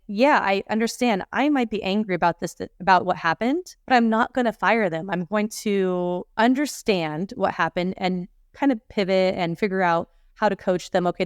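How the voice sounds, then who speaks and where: A woman's voice: mid-range voice, clear, resonant tone, no echo, studio quality. A woman leadership coach in her thirties, telling candid, reflective stories in a podcast interview.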